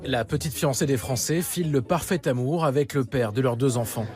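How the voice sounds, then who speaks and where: A man's voice: mid-range voice, a little fast. Male narrator, mid-range voice, scripted celebrity documentary read over prominent music. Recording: music bed behind voice.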